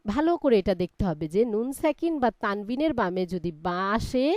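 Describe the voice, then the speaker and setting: A woman's voice: mid-range voice, expressive, brisk, a little mellow, no room sound, clean studio sound. A woman teaching a live Quran reading class, spelling out letters one by one and patiently explaining the reading rules.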